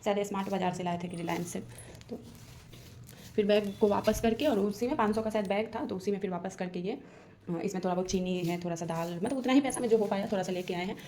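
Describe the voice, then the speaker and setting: A young woman talking through her household chores in a casual daily vlog, rambling, speaking softly and holding the phone herself. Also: mid-range voice, fast talker, recorded from a distance. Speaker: vlogger. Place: home kitchen. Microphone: handheld phone. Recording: echoey room with household noise.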